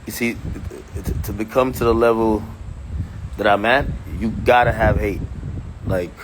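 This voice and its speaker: A man's voice: fairly low pitch, fairly even intonation, a little slow, poor audio. A man chatting casually outdoors, rambling loosely with lots of fillers and laughs. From Jamaican. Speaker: streamer host. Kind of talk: casual vlog chat. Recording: loud outdoor noise.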